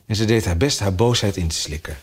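A man's voice: fairly low pitch, quick pace, slightly rough. A man reading a children's story aloud, narrating expressively and giving the characters their own voices. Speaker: audiobook narrator.

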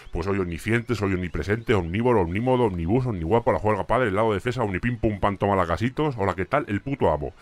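A man playing a boastful giant cosmic villain in a comedy sketch, talking in a deepened put-on voice and bragging in pompous, rambling nonsense. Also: quick pace, few pauses, dry recording, lightly acted.

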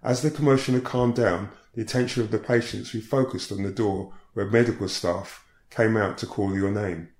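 A man hosting a podcast, reading a reflective personal story in a measured way. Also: fairly low pitch, steady tone, darkish tone. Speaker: podcast host. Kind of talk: scripted personal narration. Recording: echoey room.

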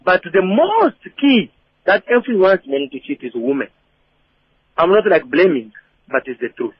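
A man's voice: sits high, sing-song, measured pace, husky. A man from Congo with a Congolese accent, calling a radio phone-in and explaining his opinion insistently, often checking that he is understood. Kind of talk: emphatic opinion on a call-in show. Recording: dull lo-fi phone call on radio.

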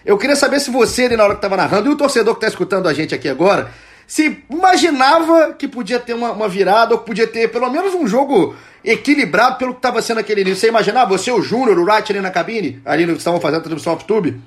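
A man hosting a football podcast speaks quickly in a high voice. His interviewing is conversational, with eager questions that wind along. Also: animated.

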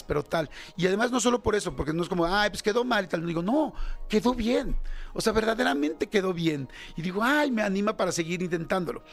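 A radio host in his fifties with a Mexican accent, talking candidly to listeners in a casual reflective monologue, full of fillers and self-deprecating asides. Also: a little high. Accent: Mexican Spanish. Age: 50s.

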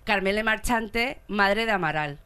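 A woman's voice: mid-range voice, measured pace, clear, resonant tone. A woman in her thirties with a Spain Spanish accent, chatting casually as a podcast guest and telling comic anecdotes with lots of laughter. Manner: animated storyteller who acts out quotes and laughs often. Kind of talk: casual comedic chat.

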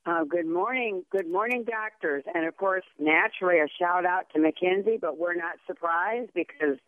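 A woman's voice: on the low side, moderate pace, no room sound. Older woman on a clipped phone line. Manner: chatty, effusive, warmly praising. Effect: clipped phone line that keeps breaking up. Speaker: radio call-in caller. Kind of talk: casual call-in chat. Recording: tinny phone line cutting in and out.

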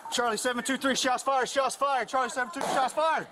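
A male police officer making an urgent, clipped police radio call about shots fired, repeating his call sign, high-pitched with adrenaline. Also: fairly even intonation, a little fast. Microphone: body-worn camera. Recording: distant bodycam audio with crowd noise.

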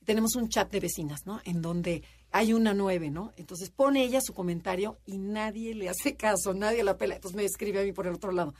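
Husky woman chatting on radio. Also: a little fast, hardly any pauses, a little mellow. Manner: chatty, acts out quotes in a high voice. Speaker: radio co-host. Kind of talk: casual radio chat.

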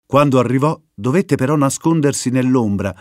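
A man reading a children's story aloud as its narrator, in an expressive storytelling way. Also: mid-range voice, normal speed.

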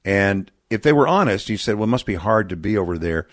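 A man's voice: lowish voice, expressive, fairly quick, no echo, studio quality. A middle-aged man from Texas, a charity guest on a radio interview, telling stories in an earnest, reflective way.

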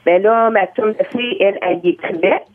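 A woman caller with a Quebec French accent who talks fast and excitedly while telling a story on a call-in show. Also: mid-range voice, dry recording. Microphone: phone. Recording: tinny phone line.

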